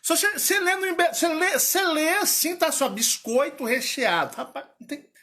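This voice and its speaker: A man from Minas Gerais with a Minas Gerais accent, hosting a casual chat in an animated, playful, rambling way. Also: very high voice, brisk. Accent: Minas Gerais Portuguese. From Minas Gerais, Brazil. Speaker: channel host.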